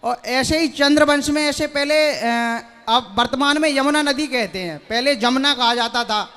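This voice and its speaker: A man's voice: extremely high pitch, unhurried, pushed and bright, clear, resonant tone. A young man in an audience, asking a spiritual teacher long, earnest and deferential questions. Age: young adult. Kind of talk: devotional question and answer.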